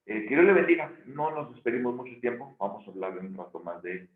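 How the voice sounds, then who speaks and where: A man's voice: mid-range voice, quick pace. Man, theology lecture, restarts and self-corrections, tinny phone-like audio, roomy echo. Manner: thinking aloud with frequent restarts and self-corrections. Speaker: theology teacher. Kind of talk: recorded video lecture. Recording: echoey room, tinny phone-like sound.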